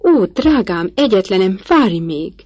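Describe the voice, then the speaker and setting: A woman's voice: lowish voice, steady tone, no room sound, clean studio sound, natural voice. A woman voicing a fussy, doting aristocratic mother in an audiobook, gushing and fretful.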